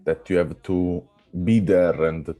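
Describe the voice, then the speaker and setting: Deep-voiced man, halting and hesitant. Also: fairly even intonation, mellow, faint music behind. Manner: hesitant, halting non-native English with many fillers. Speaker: podcast host. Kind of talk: casual interview.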